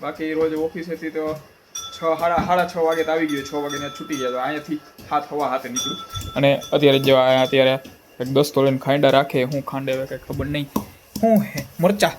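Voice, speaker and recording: A man's voice: on the high side, fairly even intonation, fairly quick, background noise. Chatty man vlogging at home. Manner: chatty, teasing, talks to camera. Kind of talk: casual family vlog talk.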